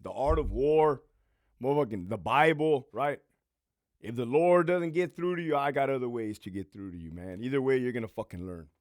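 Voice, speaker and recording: On his own channel, a former prison officer from California delivers a casual, profane monologue at a moderate pace, reading out supporter names. His mid-range voice is losing strength, but he stays brash and streetwise and laughs often. The recording is dry, with clean studio sound.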